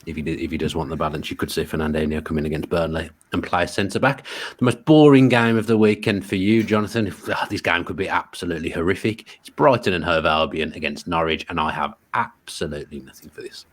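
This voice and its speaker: Casting note: male host, low voice, quick dry banter. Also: steady tone, a bit bright, slightly rough. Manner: wry, joking, quick banter. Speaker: podcast host. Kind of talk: casual football chat.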